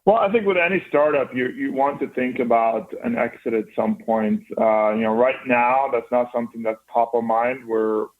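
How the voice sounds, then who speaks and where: A Norwegian startup founder in his thirties, with a faint Norwegian accent, answers interview questions earnestly, restarting often and using fillers. His mid-range voice moves at a moderate pace with hardly any pauses, heard over a band-limited phone line.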